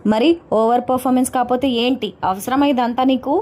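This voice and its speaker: A woman voicing a younger brother who calmly scolds his older brother. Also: high-pitched, fairly quick, natural voice. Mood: chiding.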